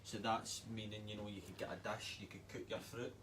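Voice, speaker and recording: A Scottish man, a chef, giving a relaxed, chatty cooking demonstration and reading out recipe steps. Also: lowish voice, a little fast, background noise. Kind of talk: casual cooking demo on a livestream.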